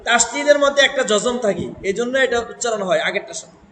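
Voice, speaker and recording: A man's voice: very high voice, expressive, fast, fairly bright tone, echoey room, long reverb tail, a little hiss or hum. A man teaching Quran recitation one-on-one, patiently drilling a student letter by letter.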